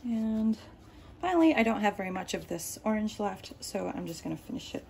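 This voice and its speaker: A woman whose first language is Arabic explains her painting as she works, hosting a tutorial indoors in her home art studio. Her mid-range voice is brisk and gravelly, a little mellow, with big pitch swings. She rambles with lots of ums and restarts, and there's a little hiss or hum.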